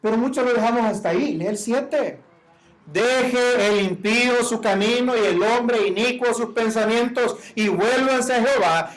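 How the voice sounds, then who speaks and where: Man preaching, high voice, building to fervent emphasis. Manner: preaching with rising shouted emphasis on quoted cries. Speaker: pastor. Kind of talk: sermon.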